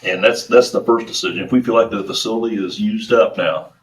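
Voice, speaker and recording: A man serving as a county official, thinking out loud in a measured way during a public meeting. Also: lowish voice, a little hiss or hum. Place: county council chambers. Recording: echoey room, distant mic.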